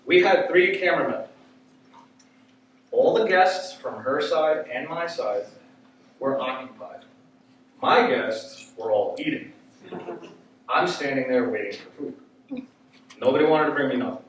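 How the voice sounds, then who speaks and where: A man doing stand-up, telling a story in an animated way, swearing casually and quoting people in voices. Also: mid-range voice, unhurried, long pauses, a little hiss or hum. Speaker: stand-up comedian. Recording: echoey room, mic from a distance.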